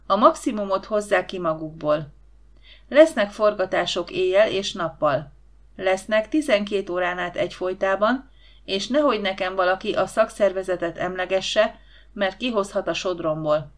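A woman doing a booming, bossy male film director. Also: lightly acted. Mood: commanding. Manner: booming, commanding.

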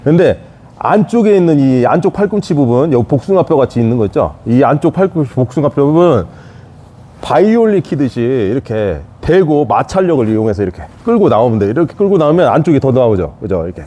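A man with a warm, medium-pitched voice that swings widely in pitch teaches a jiu-jitsu escape at a fast pace. He demonstrates on a partner, talking in short, repeated cues.

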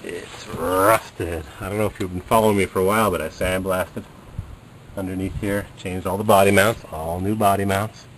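A man's voice: deep voice, fairly even intonation, normal speed, fairly bright tone, slight background noise, rough recording. A man narrating his work on a trailer and old cars outdoors, muttering short remarks into a handheld camera. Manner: offhand, mutters short remarks while working. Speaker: video host working on cars. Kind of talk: casual shop vlog narration.

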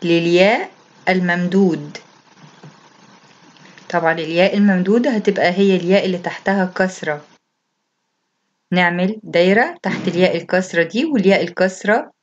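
Lowish Egyptian woman teaching a lesson. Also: a little fast, long pauses, highs cut off, slight background noise. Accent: Egyptian Arabic. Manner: patient and repetitive, reads each instruction aloud, then explains it. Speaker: primary school Arabic teacher. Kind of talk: recorded classroom lesson explanation.

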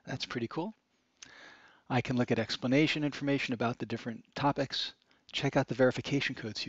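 In this website walkthrough, a man cheerfully talks through each click in turn as a product demo presenter. His voice is mid-range, and the sound is dry and a touch dull, with no room sound.

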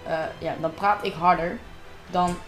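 A woman's voice: fairly low pitch, steady tone, unhurried, echoey room, soft background music. A woman chatting casually to herself and her viewers as she plays a game at home, recorded on a desk microphone. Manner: chatty, talks to herself and viewers while playing. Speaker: gamer narrating her own gameplay. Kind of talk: casual gameplay commentary. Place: room at home.

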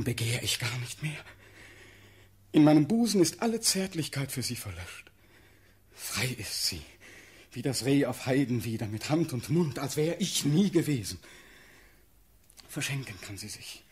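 A young man takes on the role of a doomed prince begging to be spared in a verse radio drama of the classical kind. He uses a full character voice that is mid-range with a breathy edge, and his declamation swings between hushed and shouted.

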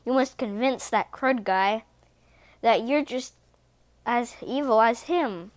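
A bossy male police chief from a storybook who hands out scheming, commanding orders, as a woman reads him. He speaks slowly in a fairly high register. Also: dry recording.

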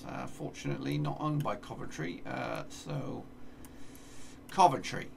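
A male gaming streamer from England in his thirties gives casual game commentary, muttering place names to himself and swearing playfully. His mid-range voice has a gravelly fry and a measured pace. His desk mic, visible in the webcam corner, sits far back, picking up noise behind him.

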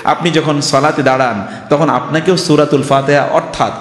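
An older man from Bangladesh delivers a Friday sermon in a voice pitched a little high, leaning on rhetorical questions and storytelling. His words ring out through a large prayer hall with a long, roomy echo. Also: fairly even intonation, normal speed. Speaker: preacher. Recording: echoey hall reverb.

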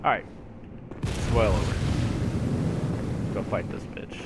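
A low-voiced man chats loosely through his gameplay, swearing freely and yelling insults at the boss. Loud game audio plays under his voice throughout. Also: fairly even intonation, slow pace, heavy background noise. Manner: rambling, profane, yells at the boss. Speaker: gaming let's-player. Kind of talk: casual gameplay commentary.

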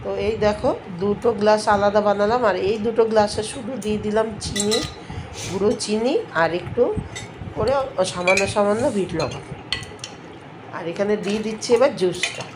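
A woman's voice: medium pitch, steady tone, moderate pace. A middle-aged or older woman with a cold, congested in nose and throat, chattily talking viewers through a recipe step by step. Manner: chatty, homely step-by-step explaining. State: congested with a cold, blocked stuffy nose and throat, speaking with effort. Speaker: home cooking vlogger. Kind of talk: casual recipe narration to viewers. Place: at home while preparing drinks. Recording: noisy kitchen with clinking dishes.

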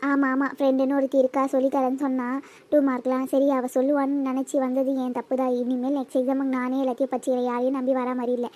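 A woman's voice: high voice, completely flat delivery, very fast, warm tone, lightly acted. A woman voicing a hurt schoolgirl in a cartoon who talks bitterly and curtly. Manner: bitter, curt, sulky. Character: hurt, sulking schoolgirl Kaviya. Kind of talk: cartoon voice acting.

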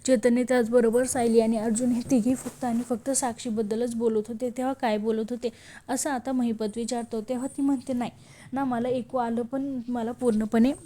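A woman's voice: on the high side, level tone, brisk, warm tone. A woman retelling a TV serial episode as a voice-over, quoting each character's lines in her own voice. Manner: storytelling, quotes each character's lines in the same voice. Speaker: narrator of a TV serial recap.

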